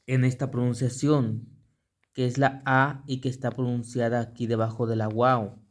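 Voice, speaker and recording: A man gives a slow, patient lesson, spelling out each letter and saying it again and again. His pitch sits in a plain middle range, and he stops and restarts now and then as he writes. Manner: halting, with restarts while drawing. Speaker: teacher. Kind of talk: explanatory lesson on pronunciation.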